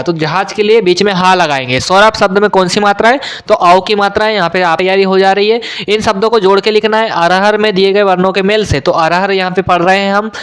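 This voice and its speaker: A male teacher going through an exam paper question by question, explaining each answer step by step with frequent "uh" pauses. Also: sits high, fairly bright tone, smooth. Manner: explains step by step, often pausing with "uh". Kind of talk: exam solution walkthrough.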